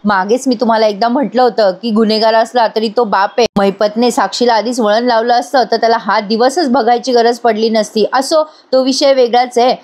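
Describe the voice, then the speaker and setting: A woman's voice: on the high side, steady tone, a little fast, hardly any pauses, a little mellow. A woman narrating a voice-over episode recap, chatting directly to viewers. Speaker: episode reviewer.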